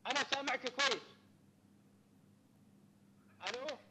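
A man's voice: very high voice, unhurried, pushed and bright. A man from Saudi Arabia calling into a show, repeating his greeting over a faint, garbled phone line. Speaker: caller. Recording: distant, muffled phone call.

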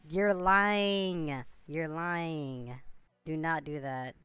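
A woman talking through a voice changer that shifts her pitch down, chatting playfully with her stream and greeting viewers by name on a headset mic. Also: extremely slow, a bit bright, clear, resonant tone, no room sound. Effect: voice changer, deep pitch shift. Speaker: game streamer. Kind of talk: casual live-stream chat.

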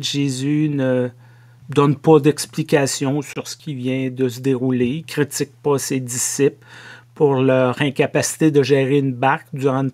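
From a home office, a middle-aged pastor with a Québécois French accent delivers a sermon to camera, slow and measured but with playful asides. His voice is medium-pitched with a darkish tone.

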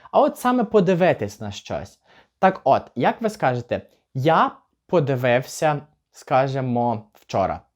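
A young man teaching a beginners' English lesson, explaining grammar and slowly modelling example sentences for learners to repeat. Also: fairly high pitch, a little mellow. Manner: slow, careful model pronunciation of example phrases.

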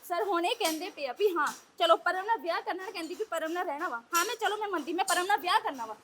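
A young Punjabi woman with a Punjabi accent, giving an agitated interview to reporters and pressing one rapid rhetorical question after another. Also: very high voice, lively intonation, a bit bright, a little hiss or hum. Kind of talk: heated street interview.

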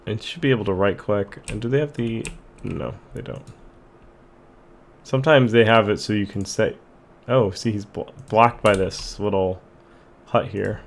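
Low gravelly man playing a game. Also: moderate pace, a little hiss or hum. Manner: reads on-screen text aloud, chuckles, hums along. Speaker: gaming channel host. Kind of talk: casual let's play commentary.

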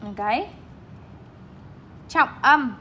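Speaking extremely slowly, a young female English teacher with a clear, bright voice a bit higher than most women's explains word stress in a bilingual style. She emphasizes stressed syllables strongly while modeling each word, with a little hiss or hum audible.

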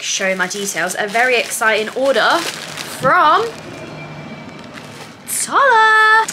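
A woman's voice: on the high side, background noise. A woman in her twenties chatting casually to camera in a small bedroom, upbeat and full of fillers. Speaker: lifestyle vlogger. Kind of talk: casual vlog chat to camera. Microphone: camera mic at close range.

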